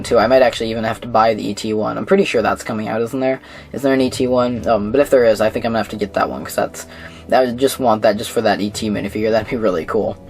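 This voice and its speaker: A man's voice: mid-range voice, darkish tone. A young man from Minnesota answering viewer questions in a casual, rambling vlog, with lots of fillers and restarts. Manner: rambling, many fillers and restarts, chuckles at himself. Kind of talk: casual Q&A monologue.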